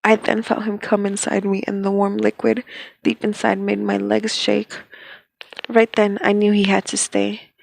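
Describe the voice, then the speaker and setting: A woman's voice: medium pitch, completely flat delivery, normal speed, vocal fry, no room sound, low-quality recording. A young woman casually reading a story aloud, giggling, flustered and stumbling over lines. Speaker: fanfic reader.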